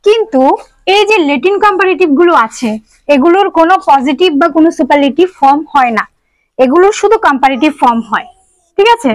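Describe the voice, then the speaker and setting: High-voiced woman teaching grammar. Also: animated, fairly quick, no echo, rough recording. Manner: explains step by step, asks students questions; mixes English terms into speech. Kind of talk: online grammar lesson.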